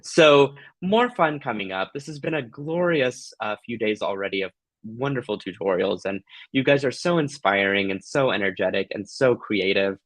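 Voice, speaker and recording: A man's voice: lowish voice, animated, moderate pace, no room sound. A man hosting a live craft tutorial, chatting casually to viewers in a gushing, affectionate, playful way. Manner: giggly, playful.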